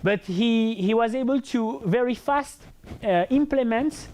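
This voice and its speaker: Pitched extremely high yet darkish in tone, this man's big, full voice carries a French accent as he unhurriedly gives an academic lecture. The researcher hesitates often, filling gaps and restarting his sentences.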